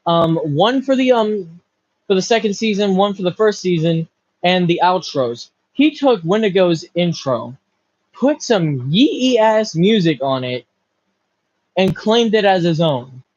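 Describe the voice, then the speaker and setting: Young male streamer host, filler-heavy chat, muffled low-quality recording. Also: big pitch swings, unhurried, a little mellow, no echo. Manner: loose, filler-heavy, keeps track of time. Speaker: livestream host. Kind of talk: casual livestream chat. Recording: dull lo-fi stream audio.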